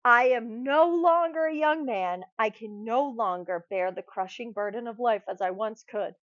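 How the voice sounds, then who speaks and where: A woman's voice: a little high, normal speed, dry recording, natural voice. A woman reading aloud a bitter farewell note from an old male patriarch, in a slightly dull, dry recording. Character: old man, proud family patriarch, bitter and wounded.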